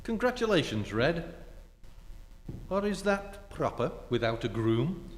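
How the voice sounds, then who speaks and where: A man acting a wry, easygoing, needling gentleman in a 1940s-style radio comedy, dry and teasing. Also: fairly high pitch, very animated, unhurried. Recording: echoey hall, live stage reenactment.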